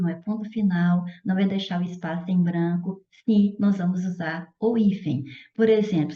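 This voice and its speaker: A woman's voice: lowish voice, dark tone. A woman teacher giving a recorded grammar lesson, explaining step by step and often checking in with the listener. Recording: echoey room, slightly dull sound.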